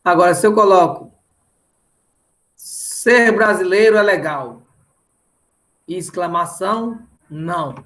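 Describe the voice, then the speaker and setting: A middle-aged Brazilian mathematics teacher gives an online lesson in a high, fairly bright voice, speaking slowly with long pauses. His style is didactic, and he frequently checks in with quick tag questions.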